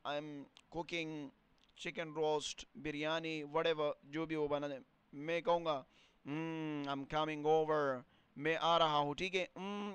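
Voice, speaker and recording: A man teaching a beginner English lesson, explaining in Urdu and repeating words and phrases slowly for learners. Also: high voice, a bit bright, smooth, no room sound.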